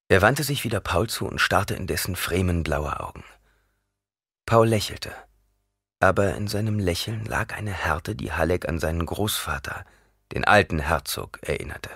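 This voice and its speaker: A man reading an audiobook aloud in an expressive, dramatic narration. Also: deep voice, creaky, breathy edge, no echo, clean studio sound. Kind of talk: scripted narration.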